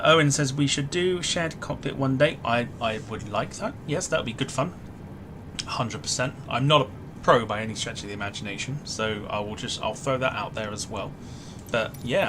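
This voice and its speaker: A man's voice: medium pitch, normal speed. A man hosting a flight sim livestream in casual, informal chat, talking to his viewers. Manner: chatty, informal, greeting viewers by name. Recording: livestream with clear background noise.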